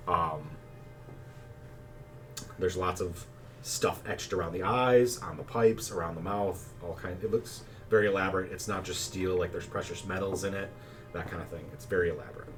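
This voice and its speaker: A man running a tabletop game as game master, narrating in a relaxed, chatty way with plenty of fillers. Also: low voice. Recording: distant mic, faint background noise.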